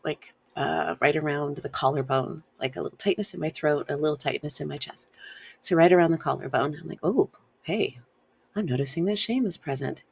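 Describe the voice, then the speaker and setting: A woman hosting a wellness podcast, gently guiding listeners through emotional release steps, laughing and sighing often. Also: deep voice, breathy edge. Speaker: podcast host and wellness coach. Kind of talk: solo podcast teaching.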